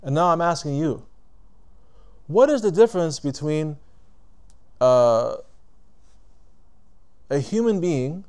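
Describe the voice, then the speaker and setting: Male lecturer, somewhat high voice, relaxed talk-style religious lecture, asks the room questions, rephrases as he goes. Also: smooth. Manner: conversational, poses questions to listeners; deliberate, stops to rephrase. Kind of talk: reflective Islamic lecture to a live audience.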